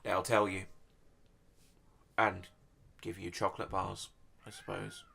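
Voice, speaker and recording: A man's voice: sits low, steady tone, takes it slowly, creaky, pushed and bright, a little hiss or hum. A man from England, delivering a crude, swearing comedy rant in a mock-serious tone. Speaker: YouTube comedian answering online questions.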